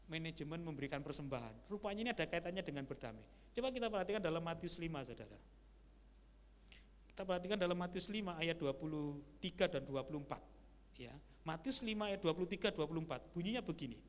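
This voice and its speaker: Guy preaching in a church, kinda high voice, talks casual to the congregation, big echoey hall. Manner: conversational, lively preaching with asides to the congregation. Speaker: pastor. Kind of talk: sermon. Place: church sanctuary. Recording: church hall reverb with faint hum.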